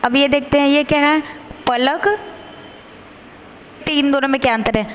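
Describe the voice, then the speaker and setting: A woman teacher giving a grammar lesson to children, saying each sound slowly and carefully, stressing the difference between letters. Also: sits high, steady tone, highs cut off, slight background noise.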